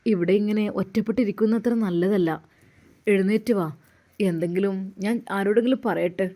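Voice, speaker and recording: A kindly young male cleric speaks in a lowered, gentle voice, as a woman narrator puts him on. He asks soft, concerned questions and stays calm and caring. This is a told Malayalam-style storybook reading done by one voice. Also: a little fast, lightly acted.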